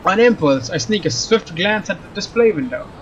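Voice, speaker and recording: A young man with a high, expressive voice does a let's play at normal speed, reading story text dramatically and chatting casually about the game. His slightly dull mic picks up faint game music and a little background noise.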